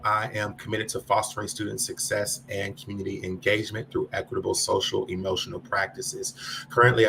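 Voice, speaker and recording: Gravelly low-voiced man from Ohio. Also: fairly bright tone, slight background noise, rough recording. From Ohio, USA. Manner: polished, professional delivery. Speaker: school climate coach. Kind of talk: prepared self-introduction. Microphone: video call.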